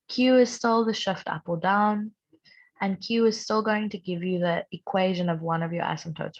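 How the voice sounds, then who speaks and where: A young woman maths teacher who is sick and strained, patiently explaining a recorded lesson and clearing her throat often. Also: fairly low pitch. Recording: dull lo-fi recording.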